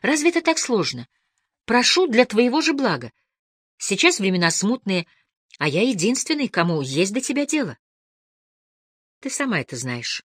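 A woman voicing a controlling man who speaks in a quiet, calm and detached voice. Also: medium pitch, moderate pace, long pauses, slightly rough, no echo, clean studio sound. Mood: coldly menacing. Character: cold, controlling adult man, quietly menacing.

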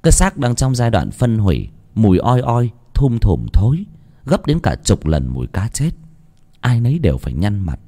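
A man's voice: lowish voice, huge pitch swings, normal speed, warm tone. A man from Vietnam narrating a scripted horror story in a dramatic, vivid way.

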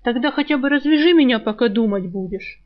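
A mocking, spiteful talking rat from a storybook, forever needling the girl who carries him, put on by a woman reading the book aloud. The voice sits fairly high. The recording sounds dull and lo-fi. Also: lively intonation, lightly acted. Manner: mocking, spiteful, quick with insults. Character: sly sharp-tongued male talking rat, sick and bound.

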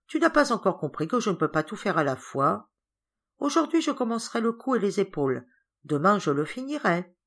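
A woman voicing a lively, brisk governess who chides and teases in a storybook reading. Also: mid-range voice, voice pushed up.

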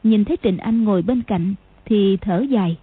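A woman narrating an audiobook in an even storytelling manner, with a husky voice. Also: medium pitch, moderate pace, no room sound. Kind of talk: scripted narration. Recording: tinny phone-like, dry.

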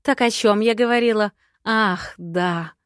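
A woman voicing a scheming, cruel witch who taunts in drawn-out, sing-song phrases. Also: mid-range voice, smooth, no room sound, studio quality, lightly acted. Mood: mocking. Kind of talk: audiobook character voice.

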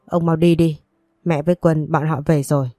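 A woman's voice: sits low, fairly even intonation, moderate pace, dark tone, dry recording, studio quality, soft background music, lightly acted. A woman voicing a headstrong young woman in a storybook reading, speaking bluntly and coldly. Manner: blunt, cold toward her father. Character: headstrong young woman, grief-stricken granddaughter.

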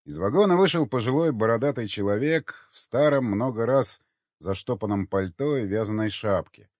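A man narrating an audiobook with lively storytelling. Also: on the low side, normal speed, dry recording. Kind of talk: scripted narration. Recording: dull lo-fi dry recording.

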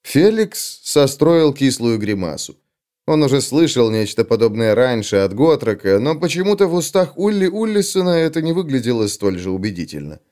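Man narrating with a lively, animated delivery. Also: mid-range voice, a little fast. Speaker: audiobook narrator. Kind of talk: expressive scripted narration.

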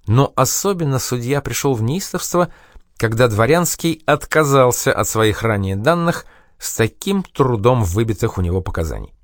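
A male audiobook narrator reads a memoir in a measured, expressive way. His pitch moves a great deal while he stays mid-range. The recording is close and dry, with no room sound. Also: no room sound.

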